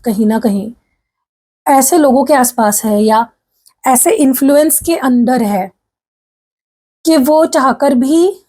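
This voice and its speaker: A woman's voice: sits high, slow, pauses often, darkish tone. A woman giving a casual tarot reading to her viewers, chatting in a friendly way, slipping in English phrases and complaining of a sore throat. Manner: chatty, addresses viewers as "guys", frequent "theek hai?"; mixes English phrases into Hindi speech. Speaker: tarot reader.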